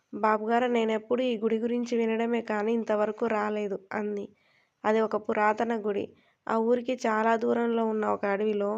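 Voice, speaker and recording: A woman's voice: on the high side, gravelly, darkish tone. A woman reading a romantic story aloud, doing the dialogue in her own voice. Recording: dull lo-fi recording.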